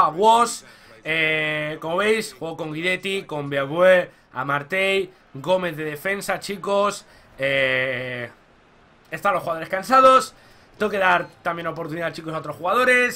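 A young man from commentating his own football video game match, talking to viewers and shouting at goals. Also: sits high. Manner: excitable, shouts at goals, addresses viewers as "chicos". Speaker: gaming YouTuber.

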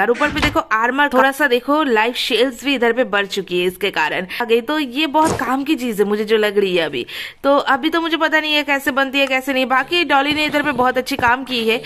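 A woman hosting her gaming channel, chatting casually and excitably as she plays and narrates. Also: sits high. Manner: chatty, excitable, swears when things go wrong. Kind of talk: casual gameplay commentary.

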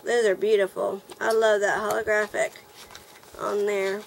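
A middle-aged woman who gushes with excitement and thanks the sender over and over as she unboxes swap gifts in a casual chat. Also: medium pitch, a little slow, vocal fry, a little hiss or hum, rough recording. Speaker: nail art vlogger opening a swap package.

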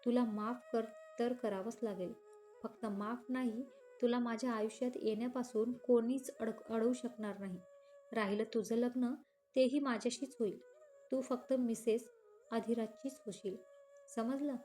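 A woman voicing a possessive, insistent young man in a read-aloud romance story, forceful and pleading. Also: very high voice, steady tone, moderate pace, faint music behind.

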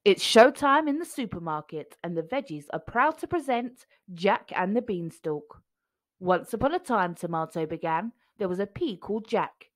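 A woman reads a children's storybook aloud, narrating expressively in a mid-range voice at a normal speed.

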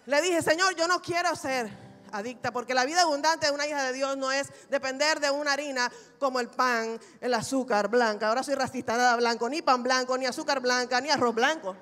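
A woman pastor preaching a sermon, telling a personal testimony in an animated, humorous way. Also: sits high, brisk. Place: large church hall. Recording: reverberant church hall recording.

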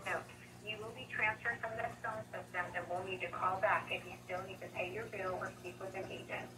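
A woman's recorded phone message, announcing menu options in a slow, polite, scripted way. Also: mid-range voice, steady tone. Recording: distant noisy phone line.

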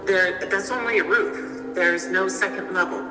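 A woman's voice: on the low side, a little slow, music in the background. A woman chatting casually as a guide, giving directions in a reassuring way. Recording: echoey with faint noise.

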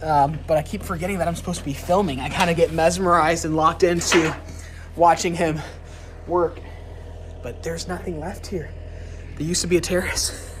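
Filming himself on a handheld camera at an outdoor building site, a male vlogger working on a stone cabin narrates casually, musing aloud and putting questions to viewers. His voice sits on the high side, with a steady tone and normal speed. There's slight background noise.

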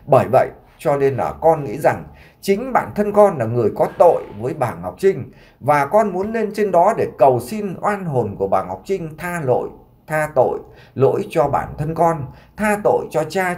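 A man voicing a gravely ill young son who earnestly pleads to make amends before he dies. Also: on the high side, sing-song, moderate pace, darkish tone. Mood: pleading.

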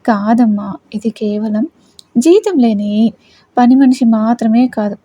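A woman acting out a harsh vengeful young husband, husky, mellow tone. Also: on the high side, slow pace, dull audio. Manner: angry, harsh.

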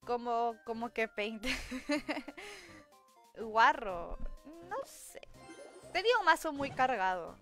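This young streamer's fairly high, slightly bright voice swings widely in pitch, stretching out words and pausing at length. Playing a game from home, she chats casually, thanks viewers and reads their messages aloud with frequent giggles. Game music sounds clearly underneath.

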